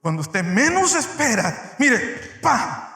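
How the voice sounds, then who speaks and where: A man preaching a sermon as pastor, emphatic and addressing his listeners directly, swinging between loud and soft. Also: extremely high pitch. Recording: echoey church hall reverb.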